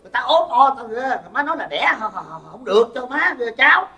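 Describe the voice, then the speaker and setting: A man's voice: very high voice, big pitch swings, brisk, sharp tone, recorded from a distance, full character voice. A man playing an exasperated grown son, who pleads with and teases his mother in a comedy sketch. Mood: whiny. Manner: whiny, teasing, pleading.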